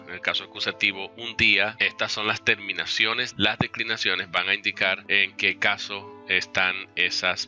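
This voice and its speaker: A man's voice: fairly low pitch, bright, forceful tone. A man teaching a recorded lesson with slides, explaining step by step and checking in with "¿ok?". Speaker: Greek language teacher.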